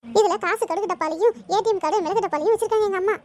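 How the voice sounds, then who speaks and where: Chirpy cartoon girl showing off her house, boastful, super high n quick, voiced by an actor. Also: a little mellow. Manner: chatty, boastful. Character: cheeky little girl vlogger in a cartoon. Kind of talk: comic home-tour vlog narration.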